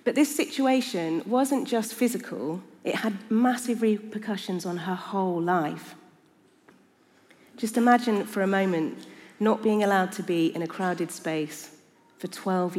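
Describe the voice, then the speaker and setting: A woman's voice: medium pitch, darkish tone. Woman preaching in a reverberant church. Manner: earnest, reflective, conversational. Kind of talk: sermon. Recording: long reverb of a church hall.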